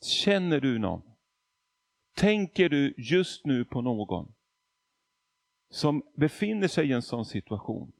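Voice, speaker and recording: A man's voice: medium pitch, big pitch swings, creaky, pauses often, no echo. A man from Argentina preaching a testimony sermon, telling his story with emphasis and acting out quotes.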